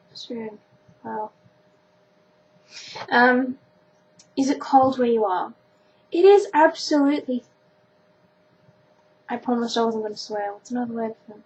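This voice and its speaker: High-voiced Australian teenage girl, casual and chatty. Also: unhurried, pauses often, a little mellow. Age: teenager, sixteen. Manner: self-deprecating, chatty, informal. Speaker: vlogger answering a questionnaire. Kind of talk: casual chat to camera. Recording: dull lo-fi sound, faint background noise.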